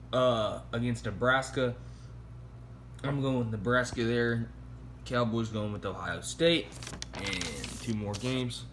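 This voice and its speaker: A young man with a groggy morning voice, casually running through his weekly football picks with a relaxed, hesitant delivery. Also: mid-range voice, slight background noise. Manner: relaxed, hesitant, lots of uh fillers. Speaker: sports picks vlogger.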